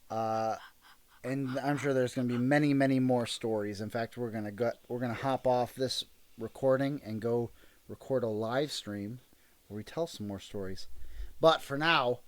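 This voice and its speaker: A father hosting a casual podcast, gently prompting his child with questions and then signing off with an upbeat reminder to listeners. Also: mid-range voice, no room sound.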